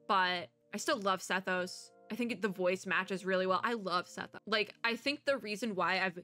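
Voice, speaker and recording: Reacting to a game trailer, a woman streamer talks in a bright, pushed, mid-range voice. Her commentary is bubbly and loose, wandering from thought to thought while she pokes fun at herself.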